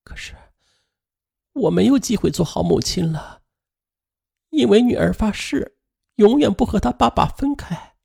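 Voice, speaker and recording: A proud, bitter woman who once looked down on her husband, played by a man reading the story. The voice sits high and husky with lively swings. It suits a dramatized radio story. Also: unhurried, pauses often, exaggerated voice. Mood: remorseful. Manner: contemptuous, later remorseful and weeping. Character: bitter proud divorced mother, adult woman.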